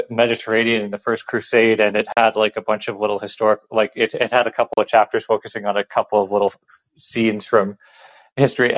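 A man calling in to a show, rambling casually with many restarts and fillers. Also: fairly low pitch. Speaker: caller. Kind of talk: casual call-in chat. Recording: dull lo-fi call line.

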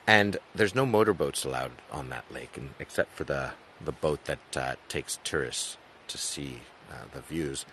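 A man hosting a podcast, telling outdoor adventure anecdotes in a casual way, with loud excited bursts and quiet trailing endings. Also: low voice, a little hiss or hum. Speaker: podcast host.

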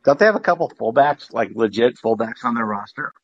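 A man's voice: medium pitch, lively intonation, brisk, dry recording. A man co-hosting a podcast, talking through a live football game in an easygoing way, asking questions and praising plays. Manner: easygoing, admiring, asks questions. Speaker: podcast co-host. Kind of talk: casual live game commentary. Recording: dry, dull lo-fi sound.

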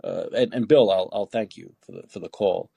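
Male call-in host, gravelly husky voice, loose rambling delivery, dry close mic. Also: sits low, brisk, mellow, dry recording. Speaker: podcast host. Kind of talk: call-in talk show.

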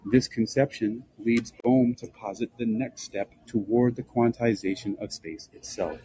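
A man reading a nonfiction book aloud in a measured, formal, scholarly way, with a husky, rough-edged voice. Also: medium pitch, dark tone, low-quality recording. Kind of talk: scripted narration, reading aloud.

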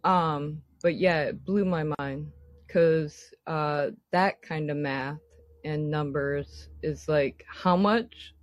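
A woman with a low voice rambles slowly and casually, exasperated and swearing, her lips working over toothless gums so her S sounds come out lisped and slurred. The recording is dry and the audio dull.

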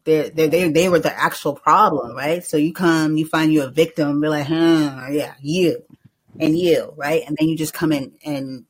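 A man's voice: on the high side, fairly even intonation, normal speed, few pauses, slightly rough, rough recording. A young man hosting a live call-in podcast, talking loosely and rambling, with a lot of filler words and some swearing. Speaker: host.

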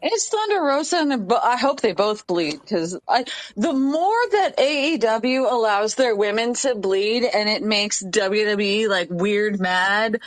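A woman's voice: medium pitch, measured pace, hardly any pauses, no echo, low-quality recording. A woman wrestling journalist on a podcast panel, talking in a casual, emphatic way and repeating her points. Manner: emphatic and animated, repeats herself.

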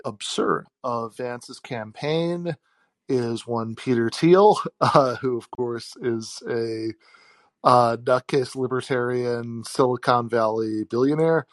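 Halting man in informal solo commentary, dry phone mic. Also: mid-range voice, dry recording. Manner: halting, chuckles mid-sentence. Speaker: podcast host taking callers. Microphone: phone held like a call, no headset.

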